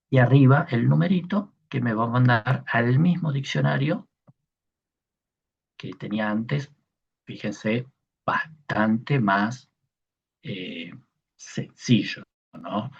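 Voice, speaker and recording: A man teaching a Koine Greek class, explaining patiently and often checking that his listeners follow. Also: medium pitch. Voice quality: gravelly and husky. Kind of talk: online class lecture. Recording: dull lo-fi sound.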